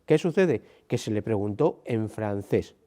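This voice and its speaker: A man's voice: fairly low pitch, lively intonation, unhurried, warm tone. A man giving an earnest explanatory talk on linguistics, with frequent "eh" fillers, tag questions, and emphatic rising stresses. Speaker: speaker on linguistics.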